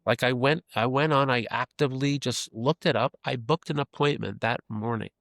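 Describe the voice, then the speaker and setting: A man's voice: mid-range voice, moderate pace, fairly bright tone, no room sound, studio quality. A man of fifty talking as a podcast guest, earnest and reflective, often repeating phrases as he thinks. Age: 50s. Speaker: podcast guest, creative executive. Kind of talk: casual reflective interview talk.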